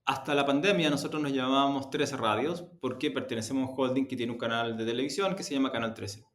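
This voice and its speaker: A media executive with a Chilean accent answers interview questions in an explanatory, conversational way, emphatic and frequently rephrasing as he goes. His voice is mid-range and a bit bright, and he talks quickly. The recording is roomy and echoing.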